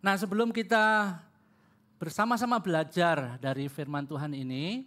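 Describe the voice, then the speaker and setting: A man's voice: high voice, moderate pace, sharp tone. A male pastor preaching a sermon in a church, telling stories and addressing the congregation directly. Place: church, live-streamed.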